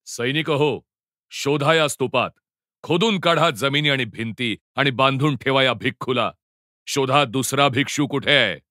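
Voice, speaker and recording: Brief: cruel, domineering warrior king, read by a male narrator, scornful barking delivery, lively pitch. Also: measured pace, no echo, studio quality. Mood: shouting orders. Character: ruthless Hun king, middle-aged, harsh, commanding.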